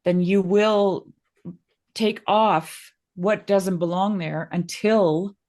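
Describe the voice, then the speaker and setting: A woman's voice: mid-range voice, drawn-out words. A woman in a casual philosophical discussion, eagerly linking ideas together. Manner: animated, eager to connect ideas.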